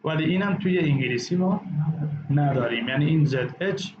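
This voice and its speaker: Man teaching in an echoey classroom. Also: on the high side. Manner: drills words slowly, repeating each several times. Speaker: English teacher. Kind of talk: classroom language lesson. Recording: echoey, dull, noisy classroom recording.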